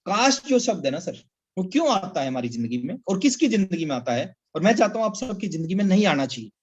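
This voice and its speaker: A man's voice: high voice, sing-song, fast talker, husky. A man giving a motivational business talk in a webinar, emphatic and repetitive, often addressing listeners as sir. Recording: slightly dull lo-fi audio.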